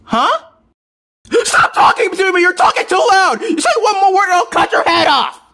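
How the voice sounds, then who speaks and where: Woman putting on a high, shrill cartoon duck, cranky and short-tempered, yelling, wildly swooping voice, plush puppet show. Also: big pitch swings, moderate pace, heavily acted. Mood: furious. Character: cranky sleep-deprived male cartoon duck.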